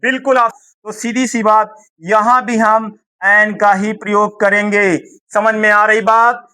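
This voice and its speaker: A man's voice: high-pitched, flat delivery, measured pace, sharp tone, smooth. A male teacher giving a grammar lesson, asking questions and answering them himself, affectionate toward his students. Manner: repetitive, asks and answers own questions.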